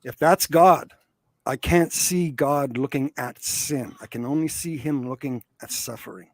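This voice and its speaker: A man speaking earnestly and reflectively about faith in casual conversation, often trailing off quietly. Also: mid-range voice, measured pace, dry recording. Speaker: channel host. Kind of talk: casual chat.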